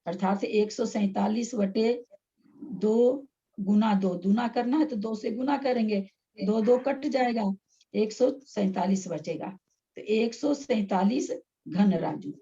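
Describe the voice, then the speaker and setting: A woman's voice: mid-range voice, slow, mellow, husky, highs cut off. A woman teaching a religious text class, patiently repeating each step so her students can write it down. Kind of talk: explaining text line by line.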